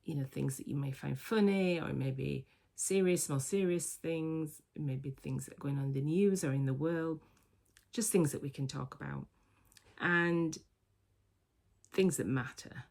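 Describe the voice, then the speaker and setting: A woman in her sixties from the United Kingdom vlogs to camera, chatting casually and reflectively with filler words and restarts. Her voice is deep and gravelly with a darkish tone.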